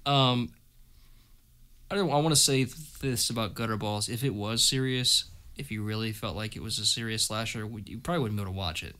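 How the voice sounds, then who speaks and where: A man's voice: on the low side, fairly quick, bright, forceful tone, smooth. A young man co-hosting a horror film review, enthusiastic and laughing often in casual chat.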